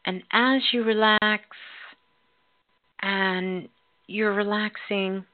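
A woman teaching a spirit class, leading a guided relaxation in a soothing, unhurried way and gently repeating her phrases. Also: medium pitch, steady tone, no room sound. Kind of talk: guided meditation. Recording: dull lo-fi sound under prominent music. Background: loud background music.

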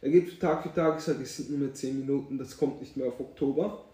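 A young man telling a scary story to friends in a casual, slangy, animated way. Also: medium pitch, fast talker, echoey room, far from the mic.

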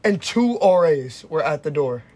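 Young male guest, slightly high voice, jokey, trails off. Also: big pitch swings, unhurried, a little mellow. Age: young adult. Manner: loose, joking, trailing off. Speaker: podcast guest. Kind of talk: casual chat.

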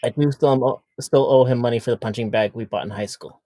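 A married man co-hosting a casual podcast, talking slowly and giggling at himself. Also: medium pitch, warm tone, no echo. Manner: slow, giggly, self-mocking. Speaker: podcast co-host. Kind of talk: casual chat.

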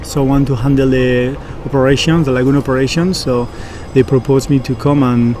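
A man with a Basque accent answering interview questions conversationally, with halting, searching phrasing. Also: mid-range voice, steady tone, a little mellow. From Basque Country, Spain. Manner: hesitant, halting phrasing with frequent searching pauses. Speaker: professional surfer and engineer, interview guest.

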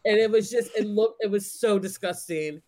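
A woman in her forties, chatting casually on a livestream show. She talks in a lively, storytelling way, mid-range in pitch. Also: normal speed, a crowd in the background. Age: 40s. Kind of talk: casual chat.

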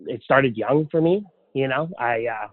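A podcast guest from Hawaii tells his life story candidly and plainly in a casual interview. His mid-range voice moves at a measured pace over a tinny, dry, phone-like line with no room sound.

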